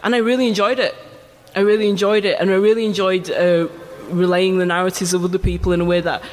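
Speaking at a quick pace, this high-voiced English man, a native Urdu speaker, is a lively, laughing storyteller. He appears as a photographer guest in a live conversation on an arts venue stage in front of an audience, with live hall reverb and faint ambience.

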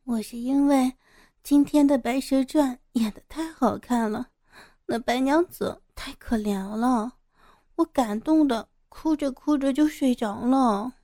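Brief: woman voicing a gentle young village girl, high and slow, soft and hesitant. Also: no echo, studio quality.

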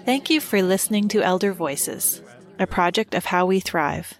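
A woman's voice: mid-range voice, no echo, clean studio sound. A woman reading a scripted podcast closing announcement in an orderly, prepared way. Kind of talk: scripted narration, podcast outro.

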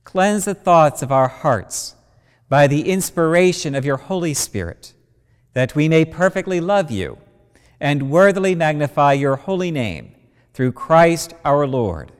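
A man leading worship as a priest, intoning prayers in a slow, measured way, heard with a cathedral echo in a large church. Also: on the high side, animated, clean tone. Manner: slow, measured intoning with rising and falling phrases. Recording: long cathedral reverb.

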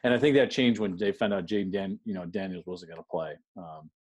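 A man's voice: low-pitched, a little fast, a little mellow, husky. A man co-hosting a casual sports podcast, laid-back and trailing off as he recaps a game. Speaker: podcast co-host.

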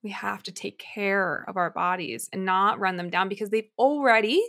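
A woman's voice: medium pitch, moderate pace, fairly bright tone. A woman hosting a podcast, talking earnestly and speaking straight to her listeners in casual chat. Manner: earnest, addresses listeners directly. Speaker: podcast host.

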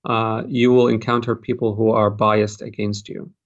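A man from Jordan, a cardiologist, giving measured advice in an interview with many fillers and restarts. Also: fairly low pitch, flat delivery, dull audio. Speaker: cardiologist, fellowship program director.

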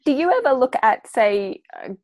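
A woman's voice: sits high, big pitch swings, moderate pace, darkish tone, no echo, clean studio sound. A woman interviewing in a casual, conversational way, informal and agreeable as she thinks aloud.

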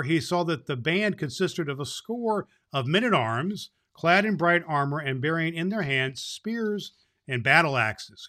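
Man as jolly old Santa, children's holiday host, higher-pitched, bright, hearty, folksy, halting delivery. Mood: storytelling. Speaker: host and story reader. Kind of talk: children's holiday podcast talk and story reading.

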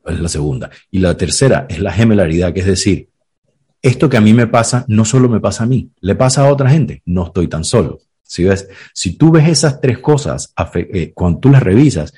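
A man's voice: sits low, expressive, normal speed, mellow, breathy edge. A man, a clinical psychologist, explaining ideas in a reflective podcast talk, using examples and acted quotes, often checking in with "you know?". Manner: frequent "¿sabes?" and "¿ves?" tags.

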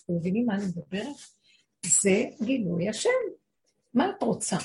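This woman is a spiritual teacher whose medium-pitched voice sounds animated and warm. In her religious lesson she explains through frequent rhetorical questions to listeners and acts out the voices she quotes.

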